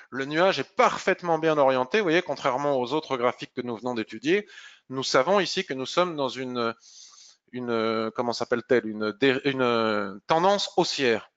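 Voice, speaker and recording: A man presenting a live market review, explaining charts while thinking aloud, pausing and clearing his throat. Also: mid-range voice, lively intonation, a bit bright, lo-fi sound. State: slightly hoarse, clearing throat.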